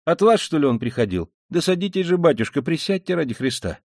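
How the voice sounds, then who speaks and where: A man's voice: fairly high pitch, very animated, fairly quick, a little mellow, no echo, clean studio sound, voice pushed up. A man reading an audiobook, voicing a fussy, cunning middle-aged male investigator who talks in an ingratiating, sly way. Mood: fussing. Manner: ingratiating, sly, with old-fashioned deferential endings.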